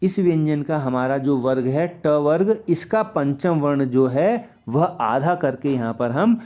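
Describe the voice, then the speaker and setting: A man teaching a Hindi spelling lesson, repeating each word slowly and speaking straight to the children. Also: a little high, expressive, darkish tone. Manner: repeats words slowly, often addresses children. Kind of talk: classroom lesson explaining spelling.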